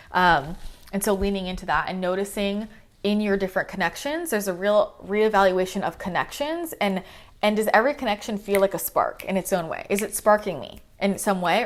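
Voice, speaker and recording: A woman chatting casually through a monthly spiritual energy reading, upbeat and loose, full of "like" and "right?". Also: medium pitch. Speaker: spiritual channel and mentor.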